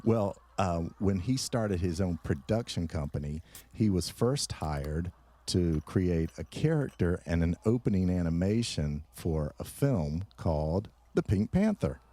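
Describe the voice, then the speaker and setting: A man's voice: low-pitched, very animated, unhurried, dark tone, no room sound. A man co-hosting a podcast in casual chat, telling stories and trivia with frequent laughs. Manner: storytelling, shares trivia, laughs often. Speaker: podcast co-host.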